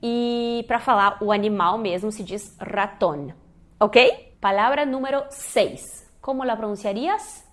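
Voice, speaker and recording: A woman's voice: on the high side, a little slow. A young woman hosts a casual online lesson and quizzes the viewer as she goes. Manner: lively, quizzes the viewer, gives spoken examples. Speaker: Spanish teacher, channel host.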